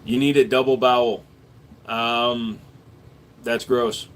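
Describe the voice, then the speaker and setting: On a relaxed livestream, a man who owns a gun shop reads out messages from viewers and responds in an easygoing, offhand manner. He speaks slowly in a mid-range voice.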